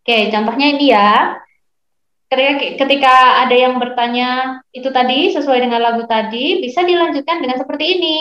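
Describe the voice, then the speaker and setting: Woman English teacher, high voice, patient slow explanations, roomy echo, dull muffled sound. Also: fairly bright tone. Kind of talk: online class lesson, mixing English and Indonesian. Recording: echoey, slightly muffled online lesson audio.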